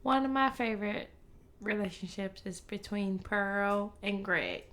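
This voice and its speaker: A tired woman co-hosting a casual podcast chat, speaking quietly with a fading delivery and casual swearing. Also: medium pitch, unhurried, slight background noise. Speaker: podcast co-host.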